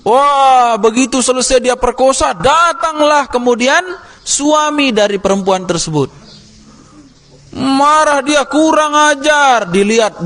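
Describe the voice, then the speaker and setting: A man teaching an Islamic study lesson, telling stories vividly and asking his class questions. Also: fairly high pitch. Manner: animated storytelling, acts out characters, asks the class questions. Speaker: religious teacher.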